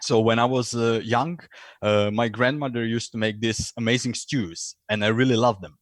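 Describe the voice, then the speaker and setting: A man with a Croatian accent talks as a podcast guest, stopping often with fillers and restarting his sentences. His voice sits at a middling pitch, and the recording is close and dry with no room sound. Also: steady tone, moderate pace, no echo. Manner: hesitant, many fillers and restarts, acts out voices in stories. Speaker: podcast guest, lean and innovation consultant. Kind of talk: conversational interview.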